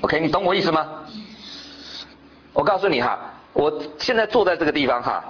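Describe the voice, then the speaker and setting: Lively, questioning male preacher. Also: on the high side, a little fast, a little hiss or hum. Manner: animated, quizzing the congregation with repeated rhetorical questions. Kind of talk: sermon. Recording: dull lo-fi recording.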